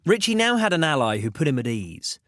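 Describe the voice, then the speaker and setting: A man narrating a music documentary in a measured, dramatic delivery. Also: on the high side, sing-song, fairly bright tone, no room sound, clean studio sound. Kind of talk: scripted narration.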